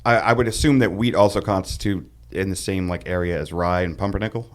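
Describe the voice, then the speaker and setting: A man's voice: deep voice, fairly even intonation, fairly quick. A man hosting a podcast interview, asking questions in a friendly, conversational way. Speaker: podcast host.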